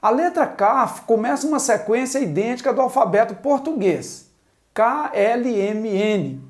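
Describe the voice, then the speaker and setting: A woman's voice: a little high, animated, unhurried, darkish tone. A woman teaching a language lesson at a board, spelling out sounds one at a time and asking the viewer to repeat after her. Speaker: Hebrew teacher. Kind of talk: slow, patient board lesson.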